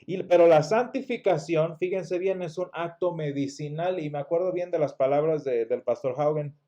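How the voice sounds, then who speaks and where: A Sunday school teacher leads a church Bible lesson in a mellow, slightly higher male voice, explaining step by step and repeatedly asking his class rhetorical questions. He often restarts words, speaks at a moderate pace, and the sound is lo-fi.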